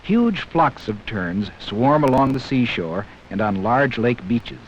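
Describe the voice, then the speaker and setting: A man narrates over a dull 1960s film soundtrack with a faint hiss. He speaks at a middle pitch with animated swings, walking young viewers through the material in a measured, scripted teaching style.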